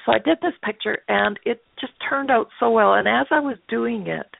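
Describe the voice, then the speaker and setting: A woman's voice: on the high side, moderate pace, creaky, slight background noise. An older woman, a guest artist, telling stories in a chatty, anecdotal way with plenty of fillers. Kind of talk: casual interview storytelling. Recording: tinny phone-line audio.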